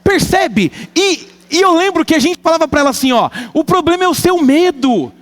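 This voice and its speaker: A man preaching a sermon, telling a comic family story with animated delivery. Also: extremely high pitch, moderate pace. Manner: animated, comic, acts out family members' voices. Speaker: pastor. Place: church hall. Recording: long church hall reverb.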